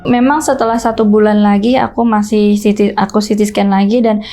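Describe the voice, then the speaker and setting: A woman's voice: medium pitch, flat delivery, brisk, mellow, faint music behind. A woman guest in casual conversation, recounting a personal ordeal in an earnest, emotional way. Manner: earnest and emotional, with frequent fillers and restarts. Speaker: guest storyteller.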